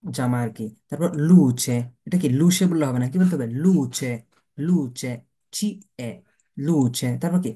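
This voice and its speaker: A man's voice: mid-range voice, normal speed, mellow, breathy edge. A man teaching a beginner language lesson, asking rhetorical questions and answering them himself, spelling words out letter by letter.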